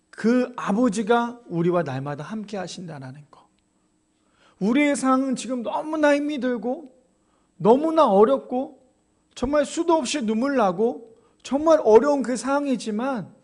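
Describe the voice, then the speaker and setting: High-voiced, lively pastor preaching. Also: male voice. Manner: emotional, rising to loud exclamations when quoting God; talks directly to the congregation. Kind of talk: sermon.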